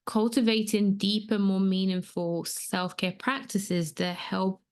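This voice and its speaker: A woman's voice: mid-range voice, fairly even intonation, measured pace, a little mellow, clear, resonant tone. A woman in her thirties, born in Nigeria, hosting a solo podcast in an earnest, conversational way with frequent fillers. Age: 30s. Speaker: podcast host and coach. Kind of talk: casual solo podcast talk.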